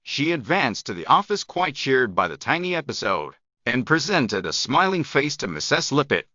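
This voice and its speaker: A man narrating an audiobook story in measured phrases with long gaps between them. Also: medium pitch, sing-song, pushed and bright, no echo, dull audio. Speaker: narrator of English shadowing practice.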